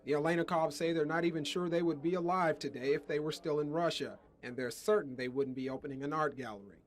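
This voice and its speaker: Higher-voiced male TV news reporter. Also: quick pace. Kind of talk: scripted news narration. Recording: faint background ambience.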